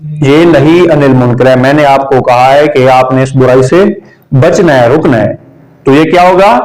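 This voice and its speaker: A man teaching a religion lesson to students in a room. He speaks patiently, repeats key terms slowly and keeps checking that the class understands. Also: mid-range voice, darkish tone, low-quality recording.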